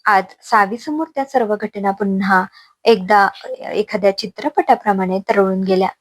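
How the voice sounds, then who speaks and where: A woman narrating a dramatic family story in an expressive reading. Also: medium pitch, normal speed, dry recording.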